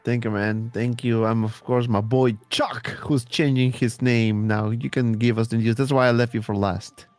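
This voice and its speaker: A man's voice: medium pitch, steady tone, normal speed, few pauses, a little mellow, dry recording, soft background music. A man hosting a casual group chat, jokey and upbeat, thanking guests and passing the turn. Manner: jokey, upbeat, laughs easily. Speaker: host.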